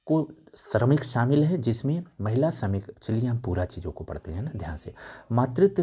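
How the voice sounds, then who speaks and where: Young guy coaching for exams, low husky voice, swings up and down a lot, keeps going over the main points. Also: dark tone. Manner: repeats key points, drops to a near-whisper at phrase ends. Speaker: exam coaching teacher. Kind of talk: exam-prep lecture.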